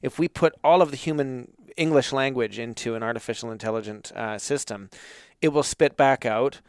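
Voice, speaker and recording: A man's voice: medium pitch, moderate pace, clean tone, dry recording, studio quality. A man hosting a podcast, speaking in a thoughtful, reflective way. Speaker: podcast host. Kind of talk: interview and scripted intro.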